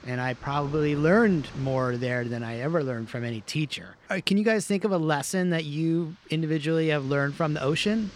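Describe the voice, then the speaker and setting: A man from Hawaii hosting an interview, asking earnest, measured questions. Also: a little high, a little hiss or hum. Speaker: host.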